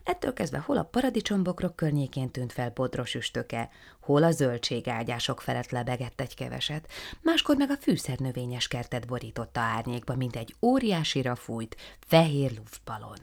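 A woman narrates a children's storybook in a soft, hushed, half-whispered way. Her voice sits low and carries a gravelly fry. The reading is gentle and even throughout.

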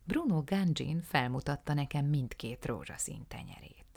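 A woman narrating a first-person noir novel in a hushed, often half-whispered delivery. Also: sits low, lively intonation, vocal fry. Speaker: audiobook narrator.

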